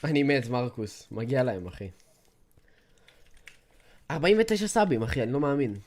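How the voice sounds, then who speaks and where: An eighteen-year-old man from Israel, streaming a game and chatting casually with his viewers in an excited, slangy way. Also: medium pitch. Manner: slangy, excitable, keeps calling out to chat and players. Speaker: gaming streamer. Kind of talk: casual livestream chat while playing. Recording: noisy stream audio with clicks.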